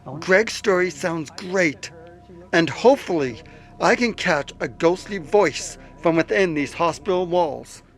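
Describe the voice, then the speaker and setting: A man's voice: a little high, animated, measured pace, a bit bright, faint music behind. A man hosting a ghost-hunting documentary, narrating and asking short eager questions. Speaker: host and investigator.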